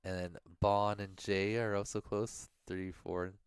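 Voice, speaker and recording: Mellow-voiced man going over race standings. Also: on the low side, little pitch movement, a little slow, smooth, dry recording, studio quality. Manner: thinks aloud, mumbles. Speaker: livestream co-host.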